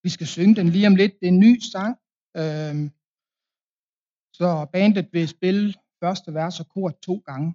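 A man's voice: high voice, warm tone, muffled recording. A man preaching a confirmation sermon in a Danish accent, telling a plain story with fillers and restarts.

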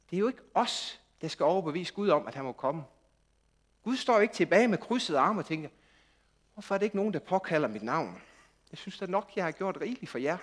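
A man preaching a sermon, moving from quiet, intimate passages to loud, impassioned outbursts. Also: a little high. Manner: animated, swings from quiet intimacy to loud shouting.

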